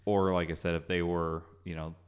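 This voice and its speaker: A man's voice: sits low, flat delivery, moderate pace, clear, resonant tone. A man co-hosting a podcast in casual chat, laughing often and hedging with "you know" and "I guess". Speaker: podcast co-host.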